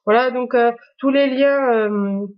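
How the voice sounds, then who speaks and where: A woman talks casually to her viewers, stopping often to search for words. Her voice sits a little high. The recording is muffled and lo-fi. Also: takes it slowly. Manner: hesitant, many fillers and restarts. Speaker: YouTuber. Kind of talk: casual phone tour vlog.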